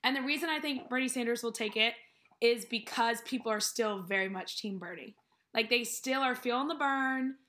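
A woman's voice: on the high side, moderate pace, sharp tone, slight background noise. A young American woman co-hosting a casual podcast from a living room, chatting informally and freely giving her opinions. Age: young adult. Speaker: podcast co-host.

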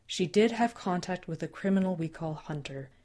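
A woman voicing a calm, formal male agent who speaks in a careful, deadpan way. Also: lowish voice, moderate pace, natural voice. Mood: measured.

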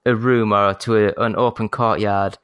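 A man's voice: on the low side, steady tone, fairly bright tone, clear, resonant tone, no room sound. Yorkshire man hosting a gaming podcast. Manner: polite, measured phone-trained manner. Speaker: podcast host. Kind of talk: casual gaming podcast chat.

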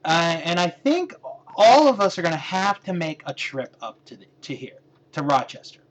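A man co-hosting a podcast in a relaxed, casual chat, often restarting his sentences. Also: sits high, normal speed, slight background noise. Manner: relaxed, hesitant, trails off with restarts. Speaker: podcast co-host.

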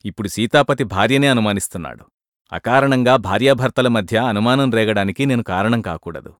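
A man reading a short story aloud as narrator, in a steady, measured storytelling manner. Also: fairly low pitch, dry recording, clean studio sound.

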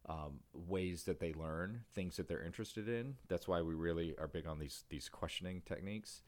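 A podcast co-host talks about education in a deep voice at normal speed. He chats casually, rambles a little, and often restarts his sentences.

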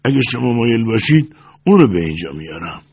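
A man voicing an emotional, passionate middle-aged merchant in an audiobook, with a loud, hoarse voice that swings between shouting and pleading. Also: medium pitch, sing-song, pitched above the performer's own voice, exaggerated voice. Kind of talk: audiobook character voice.

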